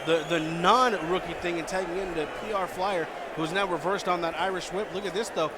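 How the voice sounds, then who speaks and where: A man working as a lucha libre announcer on color commentary, animated as he explains and reacts to the action. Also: high-pitched, fairly quick. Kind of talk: live wrestling color commentary. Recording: noisy arena crowd behind commentary. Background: wrestling crowd and ring slams.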